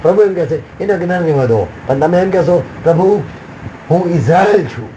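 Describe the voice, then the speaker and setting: High-voiced preaching pastor, emphatic. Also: male voice, animated, a little fast, warm tone, muffled recording, slight background noise. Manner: preaching with sudden emphatic rises and repeated refrains. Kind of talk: sermon.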